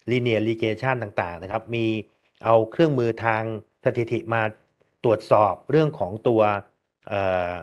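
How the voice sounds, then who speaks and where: A man giving a methodical technical lecture on engineering research, politely working through numbered points with frequent hesitations. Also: mid-range voice.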